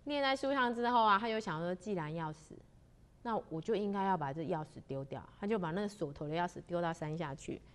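A woman's voice: lowish voice, expressive. A woman telling a religious legend in a chatty way, drawing out her sentence-end particles. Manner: chatty, with many drawn-out particles. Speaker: storyteller. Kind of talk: spoken storytelling of a religious legend.

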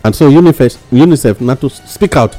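A man's voice: mid-range voice, animated, brisk, warm tone, soft background music. A Nigerian man giving casual, emphatic radio commentary in English mixed with Nigerian Pidgin, often repeating himself as he goes. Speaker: radio talk show panellist.

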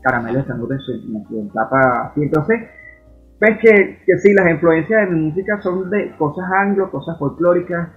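A man, a musician guest, talking in a relaxed, slangy way. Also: on the high side, normal speed, phone-quality sound, faint music behind. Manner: relaxed, slangy, brief backchannel replies. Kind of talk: casual chat.

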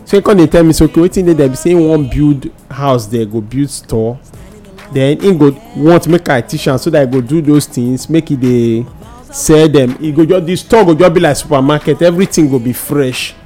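A man's voice: a little high, brisk, mellow. A man with a Nigerian accent telling anecdotes in Nigerian Pidgin as a guest in a casual radio chat. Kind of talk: animated storytelling in casual radio talk. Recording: music bed under the voice.

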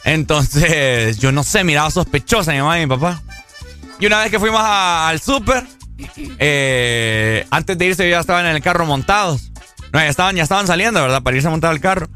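A man's voice: fairly high pitch, animated, a little fast, pushed and bright, soft background music. A man co-hosting a show in a casual chat, telling stories in a playful, joking way. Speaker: radio show co-host.

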